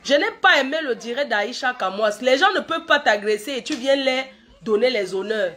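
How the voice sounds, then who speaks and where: Woman ranting on a live stream, high voice, argumentative, keeps asking questions. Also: fairly quick. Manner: animated, argumentative, asks rhetorical questions. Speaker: vlogger addressing viewers. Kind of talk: casual live-stream rant.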